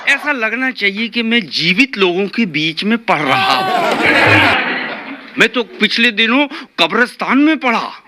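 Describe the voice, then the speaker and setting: Animated man telling comic stories. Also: high-pitched, unhurried, background noise. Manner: animated, repeats lines for comic effect. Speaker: stand-up comic poet. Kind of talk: stand-up comedy storytelling.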